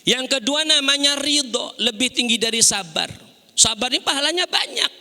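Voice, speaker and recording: A man preaching a sermon in a mosque in an animated, conversational way, often asking the women listening a question. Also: very high-pitched, normal speed. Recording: hall reverb in a mosque.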